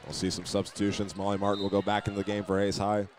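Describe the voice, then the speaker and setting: Talking fast in a fairly low, totally flat voice, a man gives live basketball commentary. He sticks to the facts but sometimes stumbles and repeats himself, with a noisy gym behind him.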